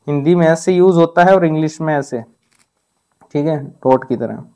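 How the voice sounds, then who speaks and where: A man's voice: on the high side, normal speed, warm tone. A man giving an exam-prep grammar lesson. He drills correct and incorrect forms and checks in with "ठीक है" after nearly every point. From Rajasthan. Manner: repeats points with frequent "ठीक है" check-ins; drills correct pronunciations, contrasting right and wrong forms. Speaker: teacher.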